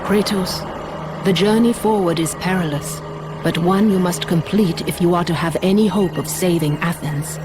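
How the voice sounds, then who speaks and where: A woman's voice: lowish voice, normal speed, noisy background, natural voice. Athena, a woman voicing a solemn goddess. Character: stately goddess, calm and commanding. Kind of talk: video game cutscene acting. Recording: loud music behind.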